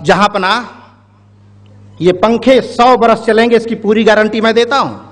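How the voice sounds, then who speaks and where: A man voicing a boastful male fan peddler who hawks his goods loudly and pleads respectfully with a king. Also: high voice, fairly even intonation, a little slow. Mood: pleading. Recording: echoey hall.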